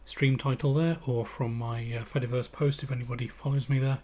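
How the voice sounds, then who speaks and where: English man, husky, live-stream host, casual rambling talk, mid-pitched. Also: steady tone, fairly quick, mellow. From England. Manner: rambling with frequent fillers and restarts. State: out of breath. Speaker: livestream host.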